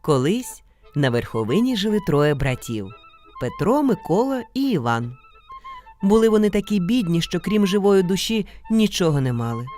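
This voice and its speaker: An actress reading a folk fairy tale aloud with expressive, dramatic storytelling. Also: female voice, fairly low pitch, moderate pace, faint music behind. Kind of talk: storytelling narration.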